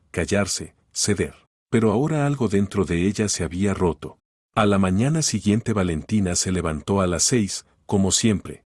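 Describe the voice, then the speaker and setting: Low husky man narrating a story. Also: no room sound, studio quality. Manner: steady, even storytelling.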